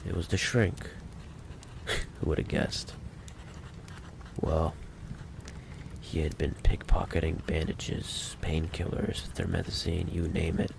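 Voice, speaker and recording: A man voices a threatening, possessive mafia boss for an ASMR roleplay, his low, gravelly voice exaggerated and showing little pitch movement. He's deliberate and coolly condescending, telling the story coldly over background noise.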